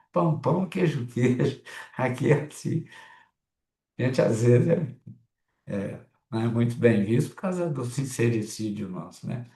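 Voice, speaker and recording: A middle-aged man with a Mineiro Brazilian accent teaching an online psychoanalysis class in a chatty, blunt way, with animated asides. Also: medium pitch, unhurried, reverberant. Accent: Mineiro Brazilian Portuguese.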